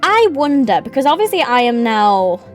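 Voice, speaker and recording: A woman's voice: a little high, big pitch swings, moderate pace, soft background music. A woman live streamer chatting casually to her viewers in a playful, rambling, giggly manner.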